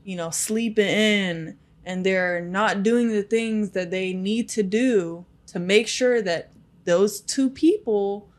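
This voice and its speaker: A woman's voice: mid-range voice, slow pace. A woman who is a relationship expert, talking earnestly and emphatically as a podcast guest. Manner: earnest and emphatic, teasing at times. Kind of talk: casual podcast conversation.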